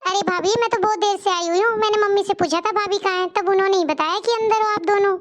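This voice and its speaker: A kind young sister-in-law from a cartoon story, voiced by a woman, who is always trying to make peace. She has a gentle, soothing way of talking. Her voice is very high and squeaky. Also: steady tone, quick pace. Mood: cheerful.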